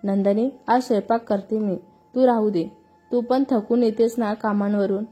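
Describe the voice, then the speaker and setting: A caring middle-aged mother, gentle and giving, coaxing her family, as a female narrator puts her on. The voice is warm and mellow, with a husky grain, in a storybook reading. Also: medium pitch, fairly even intonation, moderate pace, natural voice.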